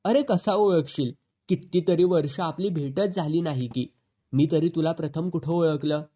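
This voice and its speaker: A man voicing a flashy, cheerful young man who greets an old classmate loudly and heartily. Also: fairly high pitch, moderate pace, lightly acted. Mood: hearty. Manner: loud, hearty.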